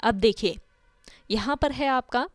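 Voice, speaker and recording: A woman's voice: a little high, a little slow, no room sound. Woman teaching grammar, dry close sound. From India. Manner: repeats her own questions and answers them; spells out words sound by sound. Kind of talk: exam-prep grammar lesson.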